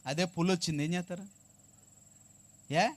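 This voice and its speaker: A man preaching a sermon, questioning his congregation and asking them to answer back, moving between hushed and loud emphatic passages. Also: high-pitched, fairly even intonation, normal speed, no room sound. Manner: call-and-response preaching, asks the congregation to repeat. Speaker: pastor.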